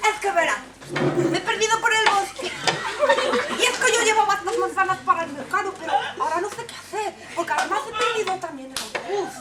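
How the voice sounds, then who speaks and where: A woman's voice: very high-pitched, fairly quick. A young woman acting a vain, wicked fairy-tale queen and old hag in a children's stage play, declaiming and gloating theatrically. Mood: wheedling. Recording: echoey school stage, distant, audience noise.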